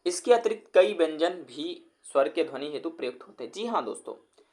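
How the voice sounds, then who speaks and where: A man teaches English grammar in a slightly high voice. He calls his viewers friends and says each word over, slowly, one syllable at a time. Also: animated, a little mellow. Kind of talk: explanatory lecture.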